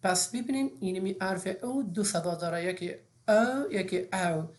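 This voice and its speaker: A woman's voice: lowish voice, a little mellow. A woman, teaching an English phonics lesson step by step with frequent fillers.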